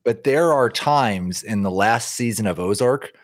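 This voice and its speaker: A man's voice: lowish voice, expressive, a little slow, no room sound, studio quality. A man with an American accent chatting casually as a panelist in a podcast discussion. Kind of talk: casual chat, TV show discussion.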